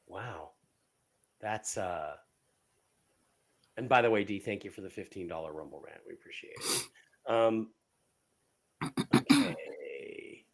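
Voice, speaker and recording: Lively-voiced man reading viewer questions. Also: deep voice, vocal fry. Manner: halting, with many ums and uhs. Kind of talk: casual live-stream chat.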